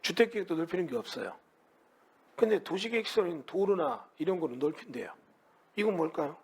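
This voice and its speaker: A man's voice: a little high, lively intonation, fairly quick, breathy edge. A man teaching a real estate law class, asking his students many rhetorical questions. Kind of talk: lecture to students.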